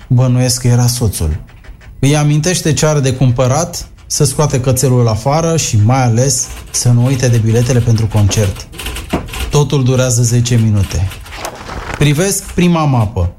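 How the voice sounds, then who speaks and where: A man narrating a comic story in the first person with dry, deadpan humor. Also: mid-range voice. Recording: noisy recording.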